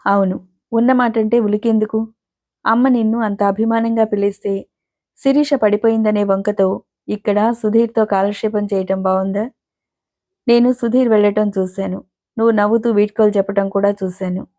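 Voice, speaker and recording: A man's voice: sits high, steady tone, moderate pace, a little mellow. A woman voicing a jealous, angry young man who scolds and sneers, in a storybook reading. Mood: accusing. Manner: bitter, accusing, sneering.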